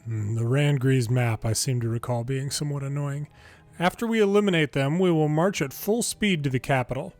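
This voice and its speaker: Reading game story dialogue at a brisk pace, a man with a medium-pitched, slightly mellow voice narrates like an amateur longplayer. He adds casual commentary, and video game music plays beneath his voice.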